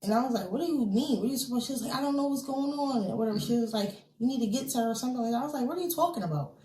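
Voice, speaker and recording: A woman's voice: on the high side, rapid-fire, mellow, echoey room, rough recording. A woman, a podcast guest, telling a personal story in earnest detail, acting out what others said and tossing in casual fillers. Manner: earnest, vivid retelling with quoted dialogue and many fillers.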